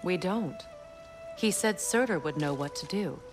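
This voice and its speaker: Game role: a regal, sharp-tongued goddess, low and measured. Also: female voice, expressive, music in the background, rough recording. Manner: measured, storytelling, dry sarcasm. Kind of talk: video game dialogue.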